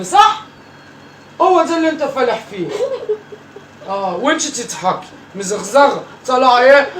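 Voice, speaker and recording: Someone playing a bossy Egyptian granny, Bomba. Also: sits high. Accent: Egyptian Arabic. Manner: scolding, teasing, repeats herself. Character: bossy, teasing Egyptian grandmother scolding her grandkids. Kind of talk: comic family sketch. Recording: roomy echo, from far off, faint noise.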